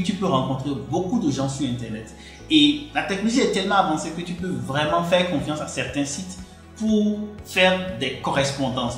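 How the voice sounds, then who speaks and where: A man from Benin, earnestly coaching the listener on relationships in a direct-to-camera talk. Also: fairly bright tone. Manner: earnest, addresses the listener directly, emphatic pitch jumps. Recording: very echoey room with faint music.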